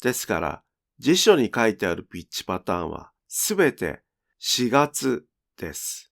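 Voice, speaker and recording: A man teaching Japanese pronunciation in a clear, deliberate, teacherly way. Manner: slow, clear, teacherly with lively pitch. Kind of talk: scripted lesson narration.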